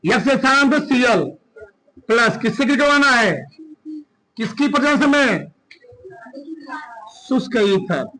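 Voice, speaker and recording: A man teaching a class, firing short questions at his students one after another. His voice sits very high and rings bright and forceful. He drills the class in a lively, commanding way. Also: rough recording. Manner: quizzing students with rapid questions. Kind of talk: classroom chemistry lesson.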